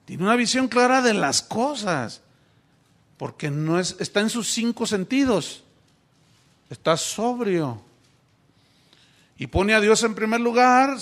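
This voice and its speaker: A middle-aged pastor from Mexico preaching a sermon, asking his congregation rhetorical questions. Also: sits high.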